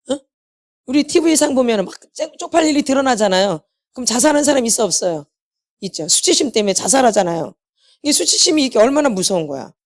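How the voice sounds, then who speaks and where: A woman preaching a healing sermon to a congregation, repeating key phrases and asking questions she answers herself. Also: on the high side. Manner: asks the congregation rhetorical questions and answers them. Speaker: healing ministry lecturer.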